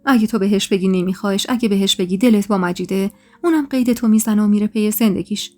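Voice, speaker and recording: An anxious young woman, urgent and pleading, her voice lifted high, as a woman narrator puts her on. Mid-pitched at heart, with soft music playing faintly underneath. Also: close to an everyday voice. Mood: urgent warning.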